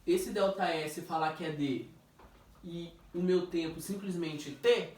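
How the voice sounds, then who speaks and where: A man's voice: on the high side, steady tone, a little mellow. Man teaching physics in an echoey room. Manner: jokey, questioning, drawn-out stressed words. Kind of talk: informal classroom review. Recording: echoey room, distant mic.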